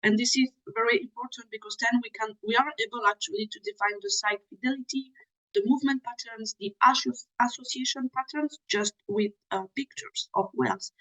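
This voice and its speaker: A woman's voice: fairly high pitch, steady tone, pushed and bright, rough recording. Swiss woman explaining her research. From Switzerland. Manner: careful, methodical, frequent "uh" pauses. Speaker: PhD student researcher. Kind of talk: explanatory interview answers.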